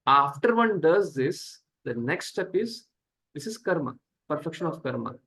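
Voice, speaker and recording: A man with an Indian accent giving a scripture lecture as a spiritual teacher, slow and deliberate, halting often between short phrases. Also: on the high side, sing-song, a bit bright, breathy edge. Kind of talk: scripture lecture over online class.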